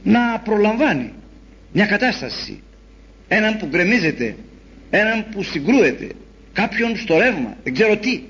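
A man preaching a sermon in an animated storytelling way, acting out the voices he quotes. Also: high-pitched, slightly rough. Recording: dull lo-fi recording.

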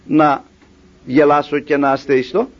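Man doing sullen bought slave, resentful, high swooping voice, muffled lo-fi recording. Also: level tone, lightly acted. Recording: dull lo-fi recording.

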